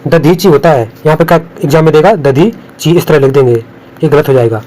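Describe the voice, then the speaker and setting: Warm in tone, a little high, and fairly quick, a male tutor walks through Hindi exam spellings shown on screen. He drills each word by repetition and warns of traps that will be marked wrong, on a low-quality recording.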